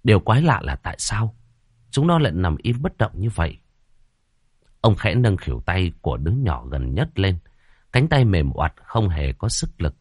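A man reading a ghost story as scripted narration, slow and dramatic. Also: low-pitched, big pitch swings, breathy edge, no room sound, clean studio sound.

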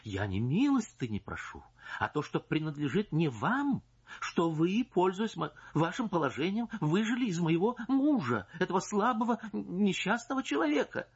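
A man voicing a distraught, indignant married noblewoman who pleads and accuses in a shrill, strained voice. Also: lively intonation, normal speed, husky, muffled recording. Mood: bitter.

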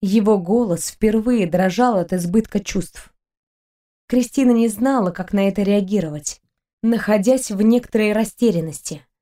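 A woman reading an audiobook aloud as narrator, in a steady, even manner. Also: medium pitch. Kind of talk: scripted narration.

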